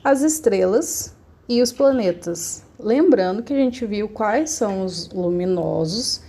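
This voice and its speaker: Gravelly-voiced woman teacher explaining patiently. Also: medium pitch, animated, slow pace, mellow. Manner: patient, explanatory, checks in often with "certo?". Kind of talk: remote class lesson.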